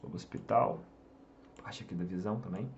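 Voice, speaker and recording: A man's voice: fairly low pitch, a little fast, creaky, lo-fi sound, a little hiss or hum. A Brazilian man teaching an online lesson in casual chat, pointing at a board and dropping frequent "tá?" fillers. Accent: Brazilian Portuguese. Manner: talks while drawing on a board, many fillers like "tá?" and "ó". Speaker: English teacher.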